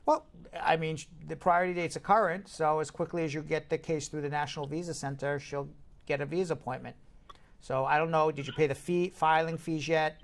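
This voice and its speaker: Male radio advice host, blunt n emphatic, bit high pitched, repeats himself to make the point. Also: steady tone, a little fast, creaky. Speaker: call-in show host. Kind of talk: live advice to callers.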